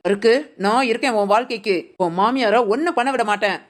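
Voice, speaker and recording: A woman's voice: fairly high pitch, fairly quick, close to an everyday voice. A woman voicing a feisty, loyal village friend in a cartoon, speaking in an indignant, protective way. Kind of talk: cartoon voice acting.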